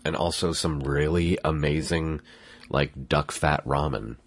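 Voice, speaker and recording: A man with a bass voice and a steady tone hosts a podcast, speaking a little slowly. He's congested from a cold, and he rambles casually, cutting himself off and laughing at himself.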